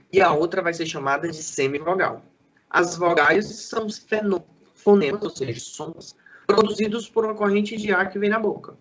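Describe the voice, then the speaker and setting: A male school teacher giving a Portuguese lesson, sounding out syllables slowly and quizzing a student. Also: high voice, fairly bright tone, highs cut off. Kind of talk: lively classroom lesson for sixth graders.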